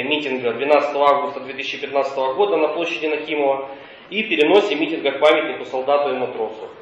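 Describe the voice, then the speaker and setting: A man presenting a formal legal argument in court, measured with occasional hesitations, captured on a dictaphone recording in the courtroom. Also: medium pitch, a bit bright. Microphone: dictaphone far from the speaker. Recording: echoey, distant, dull dictaphone recording.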